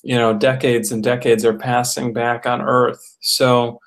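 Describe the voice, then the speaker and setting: A man's voice: medium pitch, flat delivery, a little slow. A man co-hosting a casual film discussion, speaking earnestly and evenly, with many fillers and restarts. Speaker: co-host reviewing a film.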